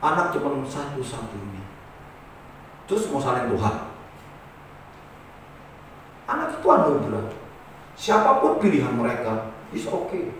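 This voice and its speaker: A male pastor preaching a sermon to his congregation, swinging between loud emphatic lines and quiet asides. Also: mid-range voice, very animated, unhurried, long pauses, a little hiss or hum. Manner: addresses the congregation as saudara. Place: church hall. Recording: very echoey church hall, mic at a distance.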